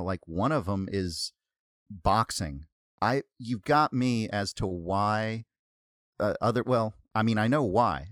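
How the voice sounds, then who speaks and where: A man's voice: fairly low pitch, dry recording, clean studio sound. A man from the United States, co-hosting a podcast in casual chat, rambling and exasperated. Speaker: podcast co-host.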